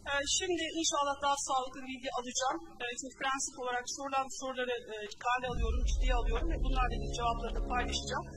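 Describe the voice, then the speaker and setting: A woman's voice: high voice, steady tone, very fast, hardly any pauses, background noise. A woman giving an emphatic parliamentary speech at a lectern microphone, repeating her key words for force. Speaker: member of parliament.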